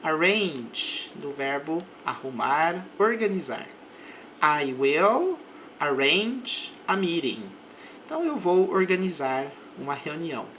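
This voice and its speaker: Brazilian male English teacher, unhurried lesson voice that slows further on example phrases, faint background hiss. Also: fairly high pitch, big pitch swings, fairly bright tone. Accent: Brazilian Portuguese. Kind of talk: slow explanatory language lesson.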